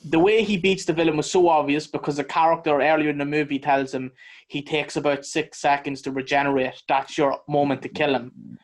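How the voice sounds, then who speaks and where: A man co-hosting a podcast, chatting casually about a movie in a blunt, animated way and swearing freely. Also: on the high side, fairly quick. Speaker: podcast co-host. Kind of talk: casual movie review chat.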